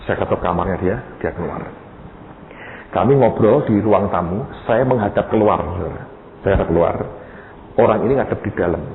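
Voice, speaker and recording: A man's voice: deep voice, normal speed, a little hiss or hum. A man preaching a sermon, telling a story and acting out the voices of the people in it. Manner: lively storyteller acting out dialogue, addressing the congregation. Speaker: pastor. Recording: echoey hall, tinny phone-like sound.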